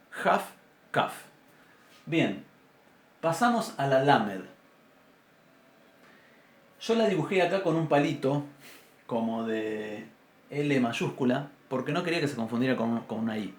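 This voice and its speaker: A man teaching a Biblical Hebrew class with an Argentine Spanish accent, explaining patiently and sounding out letters aloud, often clearing his throat. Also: mid-range voice, roomy sound. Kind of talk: university class lecture. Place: classroom with a blackboard.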